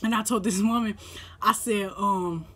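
Chatty, laughing young woman with bright voice. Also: mid-range voice, steady tone, normal speed, slightly rough. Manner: rambling, chatty, laughs often while talking. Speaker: vlogger. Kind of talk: casual mukbang chat. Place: at home, indoors at a table. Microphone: camera set up on the table.

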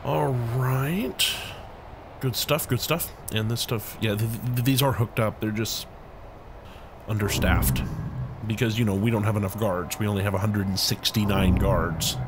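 Still getting over an illness, this let's play host has a lowish, slightly scratchy voice and a measured pace. His casual commentary rambles as he thinks out loud and hums little tunes to himself.

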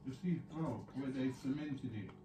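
A woman's voice: very deep voice, normal speed, dark tone, echoey room. A middle-aged woman chatting in a matter-of-fact way while eating, mumbling a little as she chews. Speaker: vlogger's mother. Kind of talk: casual chat while eating.

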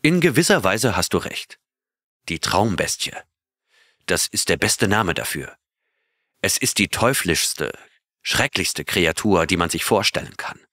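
An earnest male astronaut recounting his adventure to his crew in an audiobook, read by a man. His voice sits very low yet sounds forceful and bright, and it is recorded dry and close. He draws his listeners in with questions as he goes. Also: very animated, measured pace, no echo, full character voice. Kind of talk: audiobook reading of a character's tale.

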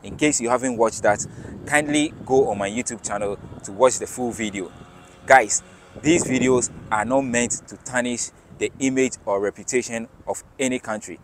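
A man's voice: mid-range voice, normal speed, a little hiss or hum. Upbeat male street interviewer outdoors. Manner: upbeat, greets guests warmly, short reactions. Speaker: street interviewer and channel host. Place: sunny city square outdoors.

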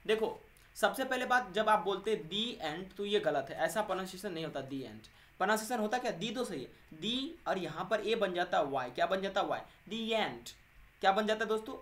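A man teaching English grammar in a chatty, explanatory lesson, checking in with "okay" after almost every point and slowing down to stress key words. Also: high-pitched, lively intonation, fairly bright tone. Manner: addresses viewers as friends, stresses words by slowing down. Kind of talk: explanatory classroom-style lesson.

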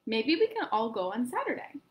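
A woman voicing a busy, kindly aunt gently putting the children off. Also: on the high side, sing-song, moderate pace.

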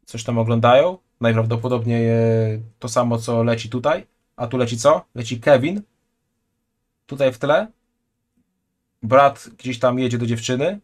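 A man's voice: mid-range voice, steady tone, a little slow. Joking young man on a live stream. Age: 20s. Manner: joking, chatty, loose slangy asides. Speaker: streamer reacting to a video. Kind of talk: casual live-stream commentary. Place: small room at home. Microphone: headset.

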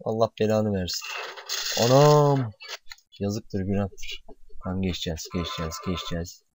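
A young man commentating a video game at home, excitable and swearing, sometimes shouting at the screen. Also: low voice, fairly quick, background noise. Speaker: gamer.

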